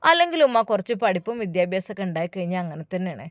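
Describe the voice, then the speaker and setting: A woman's voice: lowish voice, very animated, very fast, dry recording, studio quality, voice pushed down. Brief: woman as a spiteful young gossip, sly and snide.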